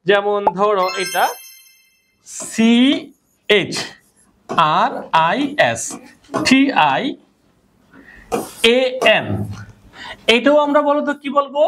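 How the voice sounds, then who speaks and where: A woman's voice: mid-range voice, expressive, drawn-out words, long pauses, a bit bright, faint music behind. A woman teaching pronunciation in class, drilling her students with repeated questions and call-and-response. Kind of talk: classroom lesson.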